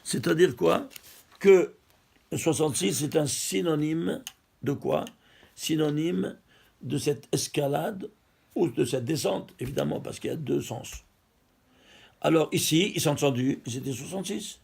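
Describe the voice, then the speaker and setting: A man's voice: a little high, animated, unhurried, vocal fry, pauses often, darkish tone, slightly rough. A man, a rabbi, giving a Torah lesson, emphatic and marveling aloud, asking rhetorical questions and answering them himself.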